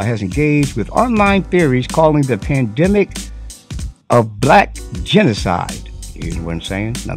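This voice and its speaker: A man with a gravelly, creaky voice rants through an unscripted commentary monologue, swinging his pitch up and down as he talks. He swears freely and turns mocking as he goes. Faint music plays underneath. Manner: profane, animated, mocking quoted voices. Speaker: online commentary host.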